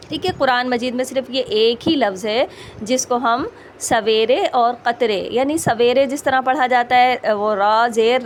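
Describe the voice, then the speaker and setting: A woman's voice: a little high, a little hiss or hum. Patient woman teaching Quran recitation. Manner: patient, repeats "ٹھیک ہے؟" checks, slows to model sounds. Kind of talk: explanatory tajweed lesson.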